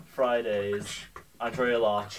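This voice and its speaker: A young man voicing a sulky, sad little boy character in a slow, droning mock-sad delivery. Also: fairly low pitch, level tone, slight background noise. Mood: mopey.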